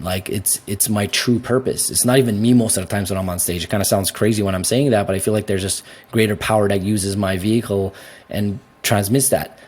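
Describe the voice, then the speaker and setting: A young Canadian man answering interview questions in a casual, animated way, laughing easily and often restarting his sentences. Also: lowish voice, husky. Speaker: guest.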